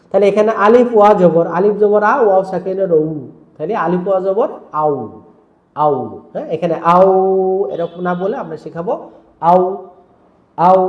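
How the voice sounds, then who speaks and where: A man teaching Quran reading rules to teachers, explaining step by step and drilling sounds in slow repetition. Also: sits high, roomy sound, lo-fi sound.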